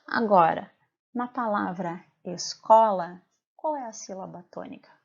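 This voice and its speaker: A Brazilian woman teacher talks her pupils through a recorded lesson, stopping to ask them questions. Her voice is gravelly and a little husky. The recording sounds dull and lo-fi. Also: medium pitch, unhurried. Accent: Brazilian Portuguese. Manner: clear, patient explaining with questions to pupils.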